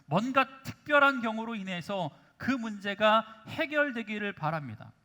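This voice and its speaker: A man's voice: high-pitched, very animated, moderate pace, bright, forceful tone. A male pastor preaching a sermon in a church, often calling out to the congregation and asking rhetorical questions. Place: church sanctuary.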